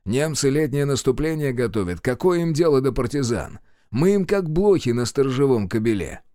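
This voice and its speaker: A man's voice: mid-range voice, sing-song, moderate pace, dark tone, no echo, clean studio sound, pitched above the performer's own voice, close to an everyday voice. A man voicing a blunt, stubborn male partisan commander in an audiobook. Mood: stern. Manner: blunt, gruff.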